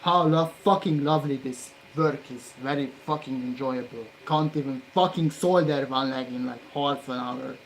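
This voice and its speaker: A hobbyist maker muttering and cursing angrily at his work while soldering, with low grumbling broken by sudden loud outbursts. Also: moderate pace, hardly any pauses, a little hiss or hum, rough recording.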